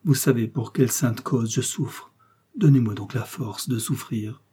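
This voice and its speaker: A man's voice: medium pitch, measured pace, warm tone, husky. A man reading aloud and voicing a scheming young woman prisoner who pleads with feigned, tearful piety. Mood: pleading prayer. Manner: pleading, tearful, falsely sweet.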